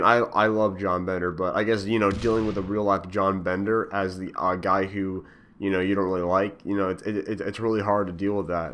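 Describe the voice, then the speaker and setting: A man's voice: low-pitched, fairly bright tone. Rambling young man telling a story. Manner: rambling, many fillers and restarts. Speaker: gaming channel host. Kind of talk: casual storytelling over gameplay.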